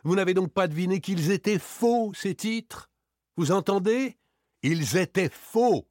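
A man reading an audiobook, voicing a suave, proud gentleman burglar with ironic, theatrical outbursts. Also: mid-range voice, big pitch swings, moderate pace, no echo, studio quality, pitched above the performer's own voice. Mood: indignant.

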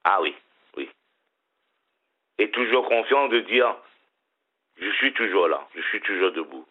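A man's voice: fairly low pitch, lively intonation, a little slow. Middle-aged male caller, smiling, stop-start delivery; thin phone-line audio. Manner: hesitant, repeats and restarts words. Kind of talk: casual phone-in chat. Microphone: telephone.

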